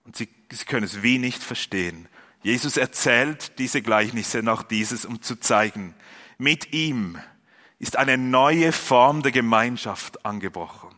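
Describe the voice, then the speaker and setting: A man preaching a sermon, retelling a parable and reading scripture aloud in a calm way. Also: medium pitch, measured pace, in a large hall. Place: church.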